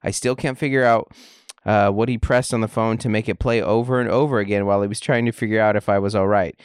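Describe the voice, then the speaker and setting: A man with a fairly low, smooth voice co-hosts a relaxed podcast. He reads listener stories aloud and drops in offhand asides. The sound is dry and close. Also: fast talker, no room sound. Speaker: podcast co-host. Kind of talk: casual podcast chat and reading listener emails.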